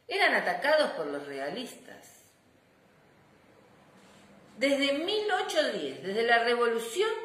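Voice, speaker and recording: Woman playing a proud, fond old grandpa general recounting battles for a children's storybook, animated and deliberate, in an echoey room. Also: medium pitch. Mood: grave, dramatic. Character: proud, affectionate old grandfather general telling war memories.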